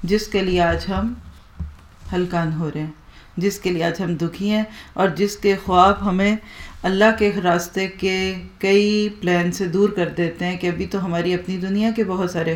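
A woman teaching Quranic Arabic grammar to a class, explaining patiently and asking the students to repeat after her. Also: medium pitch. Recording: echoey room.

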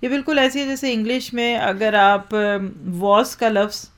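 A woman's voice: on the high side, fairly even intonation. Woman teaching a Quran grammar lesson. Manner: explanatory, asks the class questions, recites verses slowly.

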